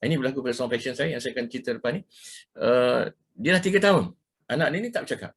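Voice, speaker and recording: A middle-aged man with a Malaysian Malay accent, lecturing over slides. He talks fast in a husky voice, circling back on his points and slipping English words into his speech. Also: mid-range voice. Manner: casual, repetitive, mixes in English words, frequent "ya" and "ha". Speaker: ruqyah practitioner giving a talk.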